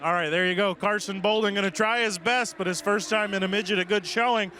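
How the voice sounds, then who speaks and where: A pit reporter interviewing a driver trackside, talking quick and upbeat. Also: male voice, sits high, steady tone, sharp tone, slight background noise. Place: outdoors at a racetrack.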